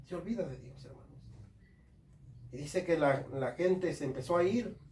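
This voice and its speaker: A man preaches a fervent sermon, repeatedly calling out to his brothers. His voice sits a little high yet dark and mellow. He is heard from a distance in an echoey room with faint ambience behind. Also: animated, normal speed, slight background noise. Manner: fervent, addresses listeners as brothers. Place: home service room.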